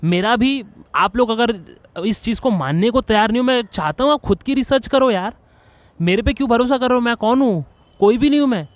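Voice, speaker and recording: Earnest, excitable man explaining ideas. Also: extremely high pitch, fairly quick, no room sound. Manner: earnest, mixes English phrases into Hindi; excitable, with frequent restarts and fillers. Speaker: video host. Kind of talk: casual explainer monologue.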